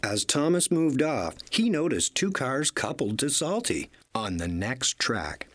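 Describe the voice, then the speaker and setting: A man reads a children's storybook aloud in an animated, read-along manner. His voice is mid-pitched and husky-edged, with wide intonation swings, and he takes his time.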